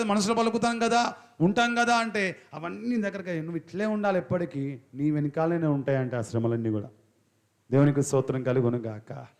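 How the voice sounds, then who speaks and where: Man, pastor, high voice, church sermon, chanted drawn-out prayers, scolds listeners directly. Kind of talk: sermon with call-and-response prayer.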